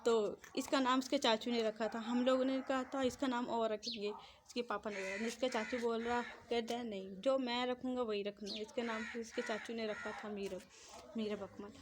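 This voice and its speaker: Woman in her thirties, high voice, casual home vlog chat, faint background noise. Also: flat delivery, normal speed. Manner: chatty storytelling, switches to high cooing baby talk. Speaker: mother of three.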